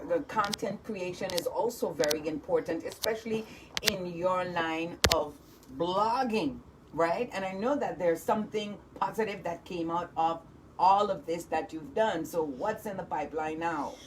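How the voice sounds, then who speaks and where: A woman's voice: fairly low pitch, moderate pace, very noisy. Upbeat woman radio host. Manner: upbeat, encouraging, frequent affirmations. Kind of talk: morning radio interview. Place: radio studio.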